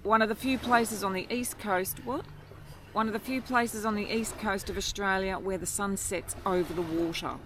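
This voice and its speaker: A man's voice: sits high, steady tone, moderate pace. A man co-hosting a travel vlog, laughing and teasing in easy chat on a beach at sunset. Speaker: vlog co-host. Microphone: handheld phone camera. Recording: outdoor noise on a beach.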